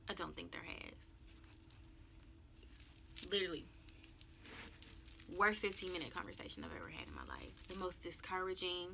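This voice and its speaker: A woman's voice: fairly low pitch, huge pitch swings, moderate pace, vocal fry, long pauses, background noise. A woman in her twenties frankly telling a personal story in a video journal, candid and emotional. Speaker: vlogger.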